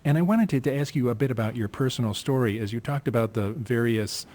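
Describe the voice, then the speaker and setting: A man's voice: mid-range voice, fast, darkish tone. Radio host guy asking stuff, kinda stumbly, table mic at a live event. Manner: conversational, stumbling restarts. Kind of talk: radio interview. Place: mosque event room, live broadcast table. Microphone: table mic with headphones.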